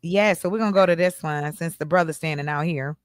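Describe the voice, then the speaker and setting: A woman hosting a casual group chat in a playful, teasing, animated manner. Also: sits low, a little fast, clean tone, no room sound, studio quality. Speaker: host.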